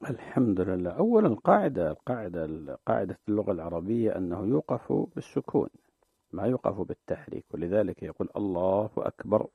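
Deep gravelly sheikh over a narrow line. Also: male voice, big pitch swings, no echo. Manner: measured, explanatory, drawls out demonstrated phrases. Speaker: sheikh answering religious questions. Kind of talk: call-in religious Q&A answers. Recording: dry, phone-like narrow sound.

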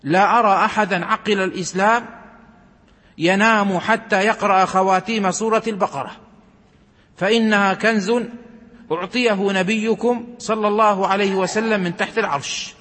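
A man reading religious narrations aloud and explaining them in a measured, recitative way, slowing down for emphasis. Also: sits high, steady tone, pushed and bright. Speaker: religious teacher. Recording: long hall reverb.

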